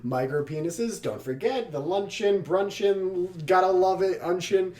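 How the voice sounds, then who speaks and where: A man's voice: high voice, unhurried, darkish tone, reverberant. A young man co-hosting a podcast, chatting casually and reading out joke sponsor plugs. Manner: jokey, mock-announcer asides. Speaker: podcast co-host. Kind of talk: casual chat.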